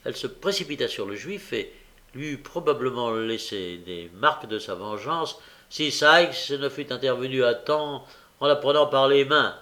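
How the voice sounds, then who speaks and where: A man narrates a classic novel aloud in an expressive, measured reading voice of middle pitch. Now and then he hesitates briefly between phrases. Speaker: audiobook reader. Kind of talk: scripted narration.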